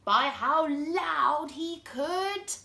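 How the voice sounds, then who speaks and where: Her voice sits high, animated and bright, with a creaky, pushed quality and drawn-out words, as a South African-accented woman reads a picture book to children. She speaks expressively and directly to them from an indoor living room, recorded with echo and background noise.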